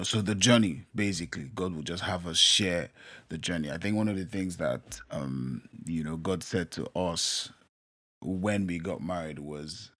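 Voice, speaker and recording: A man's voice: deep voice, a bit bright. A man co-hosting a casual podcast with his wife, bantering and teasing, speaking hesitantly with many fillers. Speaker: podcast co-host. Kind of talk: casual chat.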